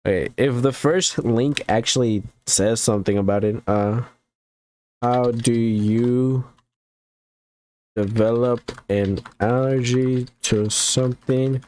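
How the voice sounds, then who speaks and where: A man's voice: medium pitch, fairly even intonation, slow pace, darkish tone. A young man streaming a casual reaction, rambling and stuttering as he jokes.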